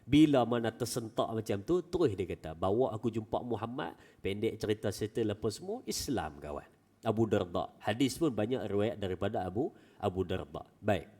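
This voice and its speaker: A male preacher giving a Friday mosque sermon as an animated storyteller with folksy asides. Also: on the low side, moderate pace, long reverb tail. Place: small mosque prayer hall.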